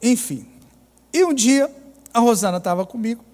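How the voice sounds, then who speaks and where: A pastor with a Mineiro accent, telling a story in a sermon with ironic humor. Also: male voice, extremely high pitch, animated, moderate pace, darkish tone. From Minas Gerais, Brazil. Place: church. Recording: reverberant church hall.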